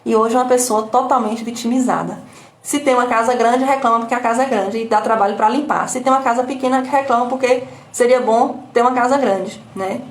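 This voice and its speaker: A woman's voice: fairly high pitch, steady tone, brisk. A woman coach with a Brazilian Portuguese accent, giving a live talk that she fills with rhetorical questions and tag questions. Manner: explanatory, repetitive teaching tone. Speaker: emotional intelligence coach. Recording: roomy echo.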